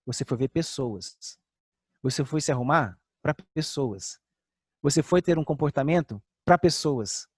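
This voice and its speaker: An older man preaching a sermon with personal testimony, earnest, sinking to soft lows and rising to emphatic highs. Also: animated, a little slow, breathy edge, no room sound, studio quality.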